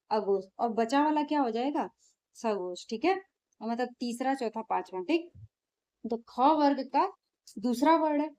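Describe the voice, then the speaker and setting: A woman's voice: a little high, a little mellow. A woman teacher, going through exam questions in a lesson and answering her own questions.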